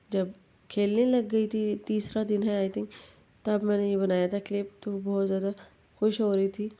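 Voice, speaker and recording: A young woman and mother telling her family's story in a calm, unhurried casual vlog narration, recorded on a phone. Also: medium pitch, vocal fry.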